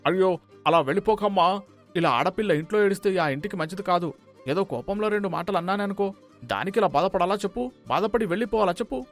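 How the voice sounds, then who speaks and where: A sly, worried householder in a cartoon story, voiced by a man. He talks fast in a raised voice, pleading and coaxing. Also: sits high, lively intonation, soft background music.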